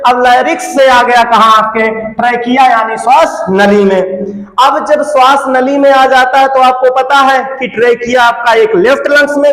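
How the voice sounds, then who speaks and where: Man teacher, very high voice, repeats terms as questions, echoey hall. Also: a bit bright. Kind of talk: classroom lecture. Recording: echoey room reverb.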